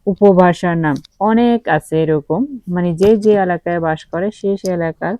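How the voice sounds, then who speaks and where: Low-voiced woman teaching a grammar lesson. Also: a little slow, dark tone. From Comilla, Bangladesh. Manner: asks questions and answers them herself, many fillers.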